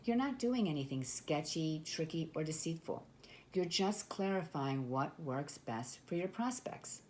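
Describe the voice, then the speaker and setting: A woman's voice: sits low, lively intonation, measured pace, a little mellow, slight background noise. A woman coaching network marketers in a confident, emphatic way, acting out sample sales lines. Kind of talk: instructional talk to camera.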